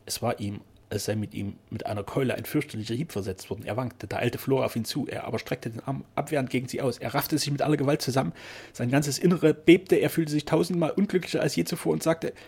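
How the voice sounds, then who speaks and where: A male narrator reads a novel aloud with dramatic, expressive delivery. His voice is gravelly and very husky, pitched in a middle range. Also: fast talker. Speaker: audiobook reader. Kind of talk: scripted narration.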